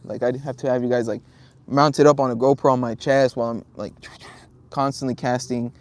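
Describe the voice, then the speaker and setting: Reading viewer comments aloud during an outdoor fishing livestream at a lake, a young Southern Californian man talks in a laid-back, rambling manner with many ums. His mid-range voice is steady in tone and fairly quick.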